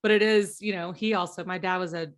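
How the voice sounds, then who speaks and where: A woman from the southern US hosts and interviews on a podcast, keeping it a casual, agreeable, chatty conversation. Her lowish voice is steady and a little fast.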